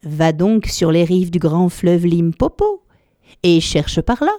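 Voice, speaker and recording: A woman's voice: lowish voice, big pitch swings, slow, dark tone, no echo, clean studio sound. A woman voicing a helpful bird perched in a thornbush, giving plain advice. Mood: advising.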